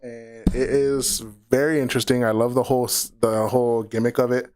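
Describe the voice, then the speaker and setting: A man's voice: medium pitch, level tone, brisk, a little mellow. A man chatting as a podcast guest, rambling and restarting sentences as he explains a show he likes. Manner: rambling, restarts often, laughs. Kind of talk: casual podcast chat about anime.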